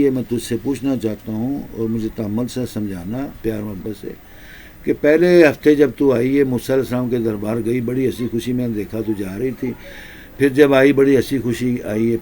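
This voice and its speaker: Man doing gentle old holy hermit, soft pleading questions, mid-pitched. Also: slight background noise, natural voice.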